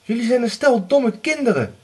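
A man's voice: on the high side, sing-song, normal speed, husky, pitched above the performer's own voice. A man voicing a scheming middle-aged widow who pushes her daughters to marry well, with a pushy, coaxing manner. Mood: scolding.

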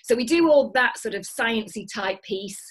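Speaking from a dim room at home, a Lancashire woman who founded a business is interviewed over video call. Her fairly high, husky voice is animated and moves at normal speed, full of fillers and restarts as she talks eagerly.

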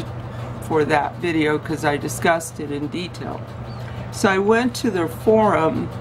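Gravelly-voiced woman rambling in a vlog. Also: on the low side, rough recording. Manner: chatty, digressive, self-interrupting. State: losing her voice. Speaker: vlogger. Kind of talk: casual rambling vlog chat.

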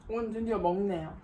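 A woman's voice: a little high, a little hiss or hum. Woman chatting with her mouth full. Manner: relaxed and delighted, praising the food. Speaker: mukbang vlogger. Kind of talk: casual chat while eating. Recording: roomy sound from a distant mic.

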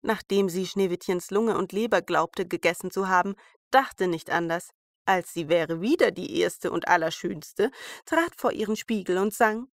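A woman's voice: lowish voice, normal speed, dry recording, studio quality. A woman storyteller reading a German fairy tale aloud as a bedtime story. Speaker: podcast storyteller.

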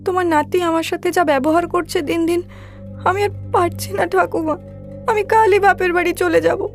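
A woman's voice: extremely high pitch, fairly even intonation, fairly quick, faint music behind. A woman voicing an anxious young wife in a cartoon, pleading and emotional. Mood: worried. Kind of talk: cartoon voice acting.

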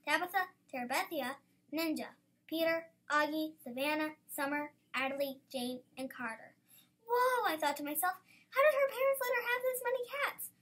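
Schoolgirl storyteller, high voice, lively reader with excited outbursts. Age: child. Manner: lively, bursts into excited exclamations. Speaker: student storyteller. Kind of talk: reading her own story aloud.

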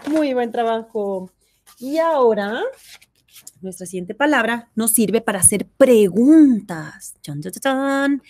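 A woman leads a phonics lesson for young children, stretching every letter and syllable at a very slow pace. Her voice sits a little high, and she breaks the words apart into single sounds before putting them back together. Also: animated. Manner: sounds out letters and syllables slowly, warm encouragement. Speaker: kindergarten teacher.

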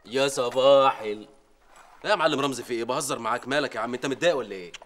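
A man's voice: mid-range voice, rapid-fire, fairly bright tone, natural voice. Actor playing a cheeky Egyptian tea boy. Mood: teasing. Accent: Egyptian Arabic. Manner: teasing, mock-servile. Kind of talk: sitcom acting.

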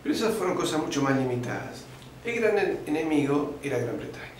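A man's voice: a little high, sing-song, a little fast. Argentine man lecturing in an echoey room. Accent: Argentine Spanish. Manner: didactic storyteller, uses fillers like "este" and "eh", clears throat often. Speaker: interview guest. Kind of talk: lecturing historical account. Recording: very echoey room with faint background noise.

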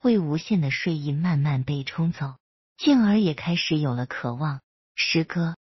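A woman storyteller reads a romance story aloud in a soft, steady manner. Her low voice is very husky and breathy. The recording is dry and dull, with a lo-fi sound. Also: moderate pace, no room sound. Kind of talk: reading romance fan fiction aloud.

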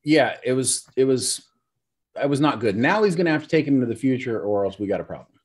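A man's voice: medium pitch, expressive, fairly quick, husky. A man co-hosting a casual review podcast, explaining in a rambling, hedging way from a home setup. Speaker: podcast co-host.

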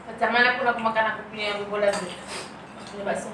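A woman's voice: fairly high pitch, steady tone, very fast. A woman, chatting casually to viewers while eating at home. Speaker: family mukbang vlogger. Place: small bare room at home, dining table. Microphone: camera a few metres away. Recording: echoey room, distant mic, clattering dishes, noisy.

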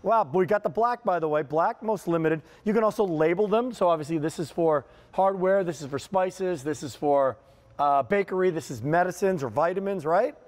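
A man's voice: high-pitched, normal speed, long reverb tail. An American man hosting live home shopping, selling in an enthusiastic, folksy patter. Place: home shopping television studio with kitchen set.

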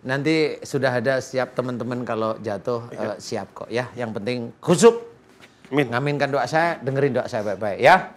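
A man's voice: mid-range voice, moderate pace. A man, a preacher, coaxing and joking through a spiritual healing session, then chanting prayers. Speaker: Islamic preacher performing an exorcism.

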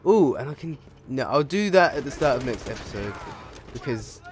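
A man giving casual let's play commentary while gaming, chatty and profane, with sudden excited yelps. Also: medium pitch, moderate pace, slight background noise. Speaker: gaming video creator. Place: home room.

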